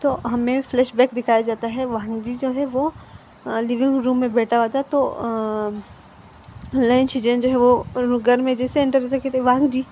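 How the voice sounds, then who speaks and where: A woman casually retelling a fan-fiction story in an informal, halting way. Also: fairly high pitch, level tone, mellow, slight background noise.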